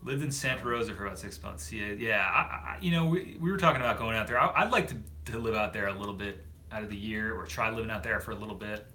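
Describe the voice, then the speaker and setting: A man's voice: on the low side, quick pace, few pauses, pushed and bright. A man hosting a casual chat, easygoing and slangy, full of fillers. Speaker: host.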